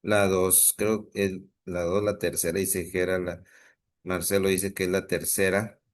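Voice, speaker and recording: Low-voiced Mexican teacher checking in often. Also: male voice, flat delivery, a little slow. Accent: Mexican Spanish. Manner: patient, checks in often with students. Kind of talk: online class lesson.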